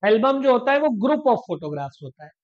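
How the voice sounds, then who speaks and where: A teacher giving an online exam-prep grammar lecture. They ask rhetorical questions and answer them, repeat each point step by step, and slow down to stress English definitions. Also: medium pitch, big pitch swings, muffled recording.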